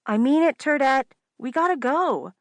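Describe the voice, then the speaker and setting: A woman's voice: high voice, animated, unhurried, no room sound, voice pushed up. A woman voicing a teasing young woman, the narrator's little sister, in a breezy, joking way.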